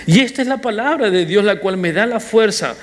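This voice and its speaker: Un pastor predicando un sermón de forma animada, con apartes juguetones. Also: male voice, high-pitched, brisk. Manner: animated preaching with playful asides. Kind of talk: sermon.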